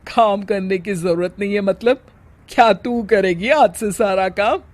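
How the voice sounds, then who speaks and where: A woman's voice: medium pitch, a little slow, a little mellow, no echo, close to an everyday voice. An actor playing a weary, scolding elderly mother-in-law in a family story, grumbling and sardonic. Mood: sardonic, surprised. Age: older. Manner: grumbling, sardonic, plain-spoken.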